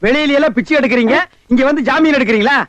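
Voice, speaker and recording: An actor playing a brash, scolding male beggar in a comic film scene, talking in quick bossy banter. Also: very high-pitched, fairly bright tone, no room sound, lo-fi sound.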